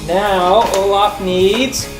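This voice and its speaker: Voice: medium pitch, steady tone, extremely slow. A parent chatting casually and playfully with young children, encouraging them and asking lots of questions. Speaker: parent vlogger. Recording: roomy echo with loud music behind.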